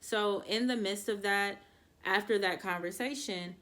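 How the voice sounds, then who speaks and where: Young woman vlogger, exasperated storyteller, casual and animated, talks right to her viewers. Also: medium pitch, unhurried. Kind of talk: storytime vlog, casual chat to camera.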